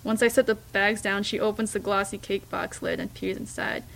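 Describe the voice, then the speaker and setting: A woman reading a first-person story aloud, in a hushed, reflective way with small slips and restarts. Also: mid-range voice, steady tone, moderate pace, vocal fry, low-quality recording. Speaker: reader.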